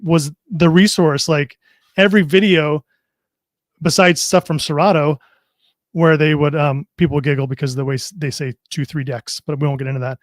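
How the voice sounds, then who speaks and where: Friendly male product specialist, chatty explainer, a bit higher voice, dry close recording. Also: steady tone, normal speed, dry recording. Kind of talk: casual livestream chat and product demo.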